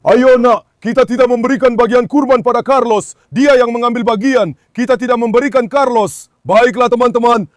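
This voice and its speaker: High-voiced man coaxing dogs outdoors. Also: steady tone, normal speed, hardly any pauses, dry recording, studio quality. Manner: coaxing, calls to dogs, exclamations. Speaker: vlogger handling dogs. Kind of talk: casual outdoor dog vlog. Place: outdoors in an industrial area.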